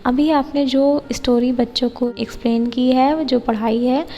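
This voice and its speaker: A woman with an Indian accent explaining a lesson plan as a tutor, reading English lines out slowly. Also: high voice, fairly even intonation, mellow, in a large hall, highs cut off. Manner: explanatory, slow read-outs of English lines. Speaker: teacher-training tutor.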